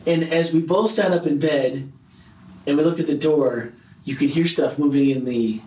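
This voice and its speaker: A man's voice: a little high, moderate pace. A man from Wisconsin telling a story in casual chat at a group meeting, acting out what people said. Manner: animated, acts out dialogue. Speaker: church group member. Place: meeting room. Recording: echoey room with faint noise.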